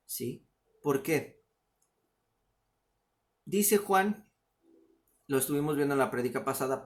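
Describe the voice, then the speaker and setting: A man giving an informal sermon video, reciting verses from memory and explaining words with many fillers. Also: mid-range voice. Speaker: preacher.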